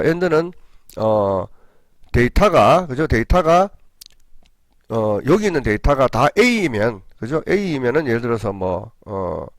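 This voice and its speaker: Lively-voiced male spreadsheet tutor. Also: medium pitch, no echo. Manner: patient, repeats "그죠?" for frequent check-ins; talks through each step, with small self-corrections. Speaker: computer skills instructor.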